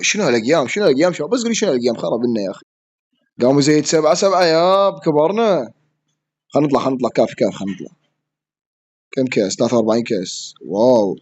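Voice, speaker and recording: A man with an Iraqi Arabic accent giving live gameplay commentary, excitable, yelling at opponents and swearing as he plays. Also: medium pitch, rapid-fire, highs cut off. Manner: excitable, yells at opponents and swears mid-play. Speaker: gaming streamer.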